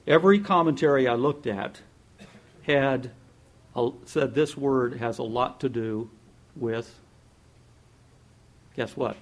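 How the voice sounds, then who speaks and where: Preaching slowly with long pauses, this pastor speaks to his congregation in an easygoing, mid-pitched, conversational way. Frequent laughter and playful impressions of people he quotes color the sermon, and he grows more energetic when spurring the listeners on.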